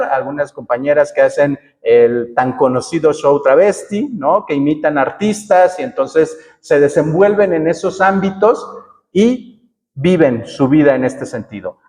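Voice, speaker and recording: A Mexican woman leads a workshop, explaining each point and pausing to check that her listeners follow. Her voice carries a long reverb, as if she is speaking in a large hall. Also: low-pitched, warm tone. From coast of Oaxaca, Mexico. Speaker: workshop facilitator. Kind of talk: teaching a workshop.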